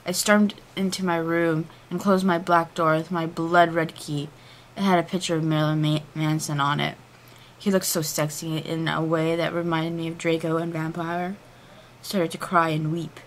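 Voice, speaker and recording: Female reader, lower-pitched, mock-serious and theatrical, for amateur dramatic fiction. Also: level tone, moderate pace, slight background noise. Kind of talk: dramatic reading of fan fiction.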